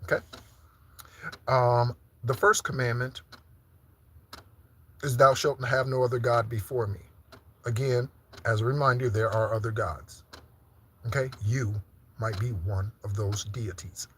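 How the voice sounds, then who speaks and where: A man's voice: medium pitch, steady tone, measured pace, long pauses, fairly bright tone, a little hiss or hum. A man preaching an informal live-streamed sermon, teaching through repeated rhetorical questions and frequent check-ins. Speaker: preacher leading an online Sunday service.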